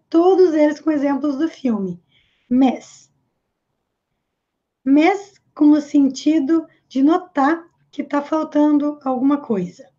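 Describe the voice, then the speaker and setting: A woman's voice: high voice, dark tone. A Brazilian woman with a Brazilian Portuguese accent who teaches English and patiently explains words step by step. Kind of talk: explanatory language lesson. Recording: slightly dull lo-fi audio.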